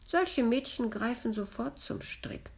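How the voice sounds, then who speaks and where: A woman's voice: on the high side, animated, a little slow, gravelly, voice pushed up. A woman voicing the ghost of a young girl, whiny, touchy and plaintive, in a read-aloud story. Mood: scheming.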